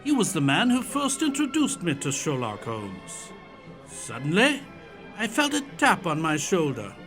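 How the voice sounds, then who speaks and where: Genial elderly Victorian doctor played by a man, courtly storyteller for audio theatre, high-set and lively pitch. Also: a little slow, soft background music, exaggerated voice. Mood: reminiscing. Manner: courtly, old-fashioned turns of phrase. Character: genial elderly Doctor Watson reminiscing, Victorian English gentleman.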